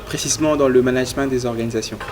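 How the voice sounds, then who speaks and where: Talking very fast over a noisy background, a young Congolese man with a medium-pitched voice answers studio interview questions about the youth leadership project he runs. He comes across as earnest, keeps an even, flat tone, and leans heavily on fillers.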